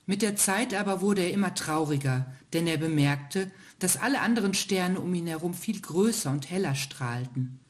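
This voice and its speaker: A woman narrating a fairy tale in a calm storybook reading. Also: lowish voice, moderate pace, hardly any pauses. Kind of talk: scripted narration.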